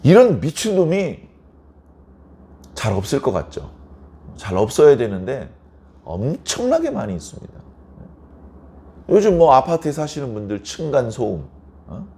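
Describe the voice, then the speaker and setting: A male pastor delivering an early-morning sermon in a warm, mellow voice whose pitch swings widely. He keeps it conversational and throws rhetorical questions at the pews. He slips into short, lively acted-out quarrels to make his point. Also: measured pace, pauses often.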